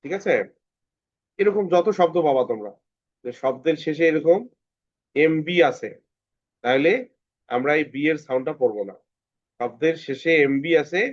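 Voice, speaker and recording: A man's voice: fairly high pitch, dull audio. A man with a Bangladeshi Bengali accent teaching a children's phonics lesson, patiently repeating words for the kids to say after him. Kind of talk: online kids' phonics lesson.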